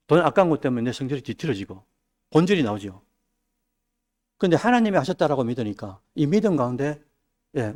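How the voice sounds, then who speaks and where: A man preaching a midweek sermon, dropping his voice low and then rising loud. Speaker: pastor. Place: church sanctuary.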